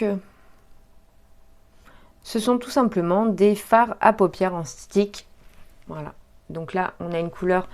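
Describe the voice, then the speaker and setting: A woman talks her viewers through an unboxing in a casual, chatty way. She often hesitates and fills pauses as she goes, in an easy vlog tone. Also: mid-range voice, darkish tone. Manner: chatty, hesitant, many fillers. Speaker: beauty vlogger.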